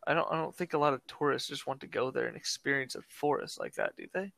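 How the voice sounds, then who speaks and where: A young man chatting as a podcast guest, easygoing and quick to laugh. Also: medium pitch, wildly swooping pitch, gravelly, fairly bright tone. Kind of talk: casual chat.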